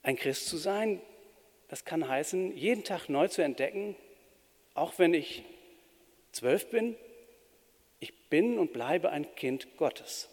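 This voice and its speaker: A pastor giving a sermon in an earnest, plain-spoken way with shifting emphasis. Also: male voice, a little high, lively intonation, slow pace, pauses often, a little mellow. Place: church. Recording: reverberant church hall.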